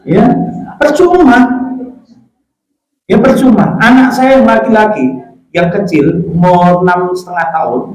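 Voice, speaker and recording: A middle-aged preacher with a Javanese accent delivers a sermon in a playful, joking way. His voice sits fairly high. It rings around an echoey mosque hall. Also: normal speed. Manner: lively, joking with the congregation, slips into Javanese phrases.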